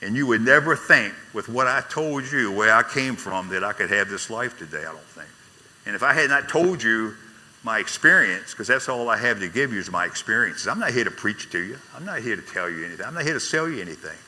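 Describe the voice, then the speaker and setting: An older man giving an emotional personal testimony, earnest, swinging from intense outbursts to soft quiet moments. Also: fairly low pitch, animated, a little fast, in a large hall, rough recording. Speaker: speaker sharing his recovery story.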